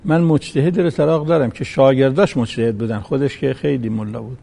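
A man's voice: mid-range voice, steady tone, vocal fry, dark tone. A man preaching a sermon, reciting Arabic verses and acting out the voices in a folk story.

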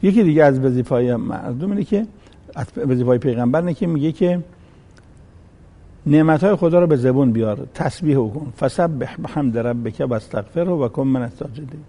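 A man's voice: mid-range voice, warm tone. A man preaching a sermon, reciting Arabic verses and acting out the voices in a folk story.

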